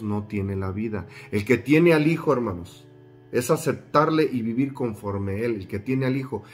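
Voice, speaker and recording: A man preaching a sermon, reading scripture aloud, repeating phrases for emphasis and putting questions to his listeners. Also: mid-range voice.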